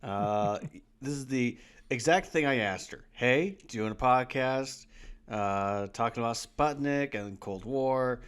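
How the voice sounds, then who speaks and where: A man's voice: medium pitch, slow, clean tone. A man co-hosting a podcast in casual chat, rambling and laughing often. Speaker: podcast co-host.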